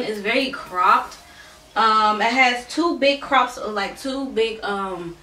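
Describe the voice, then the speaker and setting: A young woman with a bright, tense voice chats casually as she tries on clothes, dropping fillers and "y'all" as she goes. She is tired and out of breath. She sits back from the mic in her bedroom, which sounds roomy, with faint music underneath. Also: on the high side, far from the mic, slight background noise. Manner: chatty, many fillers, says "y'all". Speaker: vlogger. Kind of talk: casual try-on haul chat.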